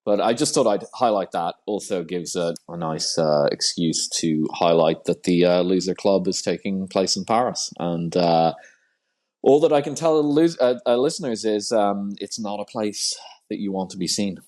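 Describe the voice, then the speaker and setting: A man's voice: sits low, normal speed, darkish tone. A man co-hosting a political podcast, talking in a sardonic, mocking way. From Ireland. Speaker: podcast co-host. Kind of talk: casual political chat.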